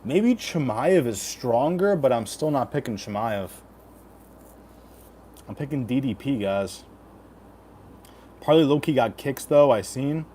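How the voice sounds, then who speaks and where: A man's voice: medium pitch, lively intonation, a little slow, pauses often, mellow, slight background noise. A man hosting a casual livestream, talking in crude, profane frat-bro slang as he banters with chat. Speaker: livestream host giving fight predictions.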